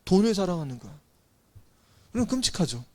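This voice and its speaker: A man's voice: sits high, very animated, fairly quick, warm tone. A male pastor giving a casual sermon, asking the congregation questions and teasingly calling on children by name. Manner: asks the listeners questions and calls on children by name; chatty, teasing.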